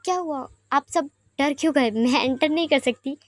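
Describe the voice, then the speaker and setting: A woman's voice: high voice, moderate pace, no room sound, lightly acted. A woman voicing a spiteful queen who talks with false sweetness. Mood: sly.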